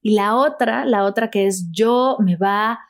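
A woman, speaking calmly and reassuringly as host of a reflective conversation. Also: medium pitch, measured pace. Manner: calm, reassuring, speaks about intuition and ego.

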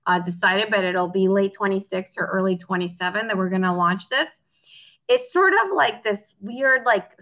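A woman's voice: medium pitch, bright, forceful tone. A woman, a guest telling her story in an earnest, heartfelt way in a casual interview. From Mexico. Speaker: guest, optical engineer.

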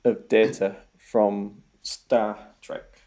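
A young man with a Yorkshire accent, a robotics researcher appearing as a guest, answers interview questions hesitantly, full of ums and repeated words. His voice is lowish and warm, with a level tone and an extremely slow pace.

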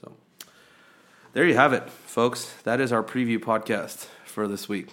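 A man's voice: mid-range voice, fairly even intonation, unhurried, a bit bright. A man co-hosting a sports podcast in casual chat, rambling and chatty with many fillers and restarts. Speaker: podcast co-host.

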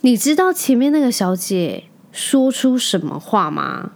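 A woman's voice: fairly high pitch, big pitch swings, a little slow, creaky. A woman, a podcast host and mother telling a story in a chatty, venting way and dropping in English words. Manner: chatty, vents angrily, drops in English words. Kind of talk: casual storytelling monologue.

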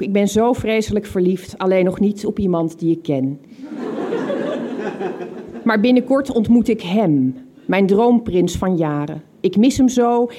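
With slight background noise behind her, a woman of medium pitch and a soft, mellow voice reads entries from her teenage diary. She is reflective and unhurried, and she laughs softly, amused by what she wrote back then.

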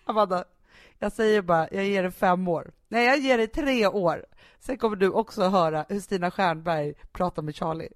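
A woman's voice: fairly low pitch, no echo, studio quality. A woman in her thirties, mother of a nine-year-old, co-hosting a casual chat and laughing while she tells family stories. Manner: laughs often, acts out family scenes. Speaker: podcast co-host.

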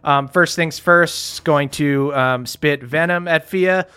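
A man's voice: on the high side, slow, pushed and bright, smooth. A man narrating a tabletop game as game master in a casual, joking, improvised way.

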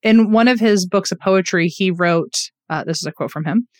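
A woman's voice: lowish voice, normal speed, no echo, clean studio sound. A woman co-hosting a podcast, telling a story in a casual, chatty way and often laughing at herself. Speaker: podcast co-host.

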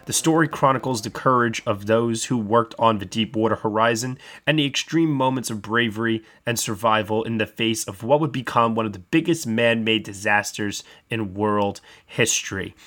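Male podcast host, bright and forceful tone, upbeat. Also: lowish voice, normal speed, hardly any pauses. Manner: upbeat, introducing guests. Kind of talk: casual podcast hosting.

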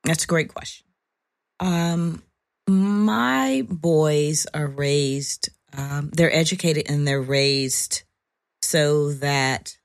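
A woman talking casually on a panel as a parent, halting as she thinks aloud and acting out quotes. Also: deep voice.

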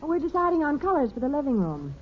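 An actress playing a gentle, slightly anxious housewife and mother in a 1950s radio sitcom, speaking softly and hesitantly. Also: high voice, big pitch swings, fast talker. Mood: fretting. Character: gentle, fussy middle-aged housewife and mother. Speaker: mother of the family. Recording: tinny old radio transcription with faint hiss.

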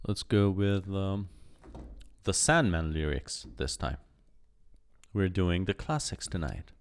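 A man's voice: low-pitched, lively intonation, slow pace. A sleepy man co-hosting a podcast late at night, giving dry, teasing replies. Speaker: podcast co-host. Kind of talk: casual late-night chat.

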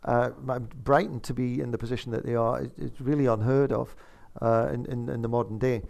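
A man's voice: mid-range voice, steady tone, brisk, vocal fry, a little mellow. A man giving conversational football analysis as a pundit, hesitating and repeating words as he thinks.

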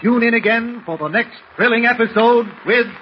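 A man announces in the grand, dramatic style of an old radio show, his voice set high. The broadcast sounds muffled and lo-fi, with a steady hiss underneath. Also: normal speed. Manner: booming, dramatic delivery.

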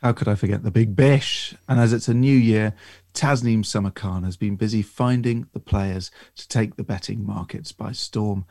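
A man's voice: fairly low pitch, steady tone, moderate pace, gravelly, a little mellow, no echo, clean studio sound. A man hosting a sports betting podcast, presenting and handing over to guests. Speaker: podcast host.

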